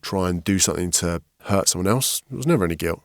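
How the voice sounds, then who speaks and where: A man, a podcast guest, telling his story candidly and frankly, getting animated when he quotes other people. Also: low voice, fast talker, no room sound, clean studio sound. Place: podcast studio.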